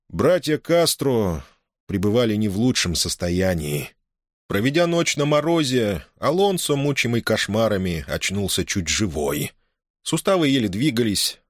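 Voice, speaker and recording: A man narrating a historical novel in measured, literary storytelling. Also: on the low side, no echo, clean studio sound. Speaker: audiobook narrator. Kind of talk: scripted narration.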